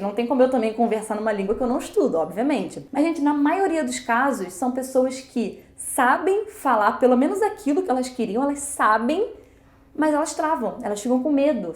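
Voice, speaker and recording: A woman's voice: sits high, a little mellow. Chatty woman teacher in an echoey room. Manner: chatty, fast-talking, switches into English examples. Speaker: English teacher. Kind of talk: casual video lesson.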